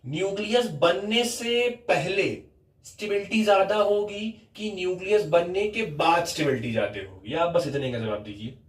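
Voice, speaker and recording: A man's voice: high voice, moderate pace. A male physics teacher lecturing a class, explaining step by step and repeatedly quizzing his students. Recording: echoey classroom, mic far off.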